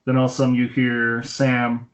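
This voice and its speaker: A film review podcast host chats casually over an internet call, recounting a movie's plot like an enthusiastic fan and acting out quoted lines. His medium-pitched voice is monotone at a normal speed, and the lo-fi call audio sounds dull.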